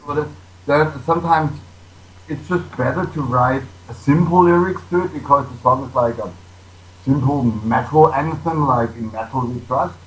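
A man's voice: medium pitch, moderate pace. A man speaking non-native English as a musician being interviewed, casually answering in simple, repetitive phrasing. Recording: echoey room with background noise.

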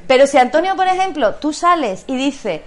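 High-voiced coaxing woman. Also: sing-song, moderate pace. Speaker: guest speaker at a community talk. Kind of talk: encouraging talk to a live audience. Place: community centre room.

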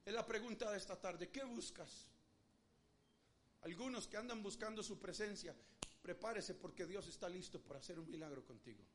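A man with a Rioplatense Spanish accent preaching a sermon as pastor, swinging his pitch widely and acting out the voices in the story. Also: normal speed, slight background noise.

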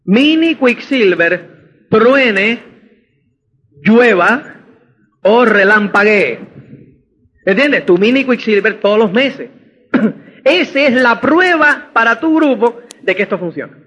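Emphatic high-voiced male seminar speaker. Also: animated, takes it slowly, pauses often, a bit bright, breathy edge. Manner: emphatic, keeps asking "¿me entiendes?". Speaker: motivational speaker. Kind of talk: motivational seminar talk. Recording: dull lo-fi audio.

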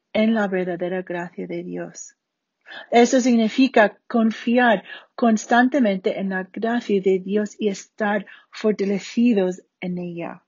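Slow, earnest woman teaching Bible. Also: medium pitch, warm tone, breathy edge, no room sound. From Spain. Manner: slow, deliberate, earnest delivery with falling phrase ends. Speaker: Bible study speaker. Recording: dull muffled recording.

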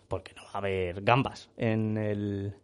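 Joking young Spanish co-host. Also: male voice, lowish voice, flat delivery, measured pace, clean tone. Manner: chatty, joking, explains facts. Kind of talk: casual chat.

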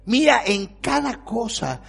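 A man preaching a fervent sermon, swinging from shouts to near-quiet and asking whether the listener understands. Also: very high-pitched, very animated, takes it slowly, gravelly, slightly rough, soft background music.

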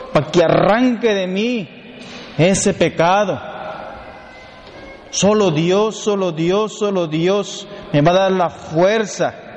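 A priest with a high-pitched voice delivers an unhurried, emphatic sermon and keeps checking in with his listeners through rhetorical questions. His words ring out with a long reverb in a church, with faint noise behind him. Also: a little mellow. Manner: slow, emphatic preaching with repeated rhetorical questions.

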